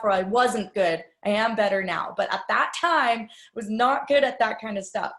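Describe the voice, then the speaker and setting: A woman giving a live training talk to an audience, chatty and confiding, addressing the listeners directly and telling personal stories. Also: medium pitch. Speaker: business trainer. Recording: echoey room.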